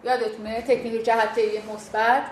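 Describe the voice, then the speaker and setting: زنی با صدای زیر در حال تدریس. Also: female voice, fairly high pitch, little pitch movement. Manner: informal, acts out sample dialogues. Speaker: teacher of a relationship class. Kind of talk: class lecture. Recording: echoey room with faint ambient noise.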